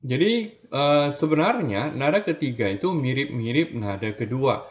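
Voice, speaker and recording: A man teaching Mandarin tones, who demonstrates by singing and drawing out vowels and often adds a soft "ya" to his sentences. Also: mid-range voice, lively intonation, moderate pace, a little hiss or hum. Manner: addresses learners as younger ones, adds frequent "ya". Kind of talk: online language lesson.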